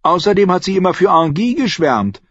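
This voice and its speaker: A man's voice: high voice, sing-song, fairly quick, dry recording, muffled recording, pitched above the performer's own voice. A man voicing a teasing young male harp singer with a mocking, playful manner.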